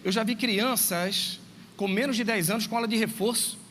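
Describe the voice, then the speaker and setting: A man, a teacher, giving a church talk to parents in a lively storytelling way, acting out dialogue and speaking straight to his listeners. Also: high voice, normal speed. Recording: long reverb, faint background noise.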